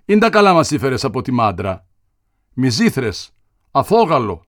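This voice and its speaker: A man reading aloud and voicing a talkative older villager who flatters his host with coaxing praise. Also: mid-range voice, no room sound, clean studio sound. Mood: flattering. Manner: wheedling, coaxing.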